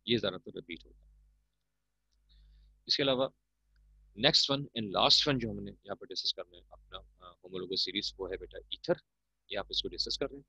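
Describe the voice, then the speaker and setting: Man, Pakistani Urdu accent, chemistry lecture, bright husky tone, patient. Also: fairly low pitch, no echo. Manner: patient explaining, calls students "beta". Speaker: chemistry teacher. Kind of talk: classroom lecture. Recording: muffled, dull lo-fi recording.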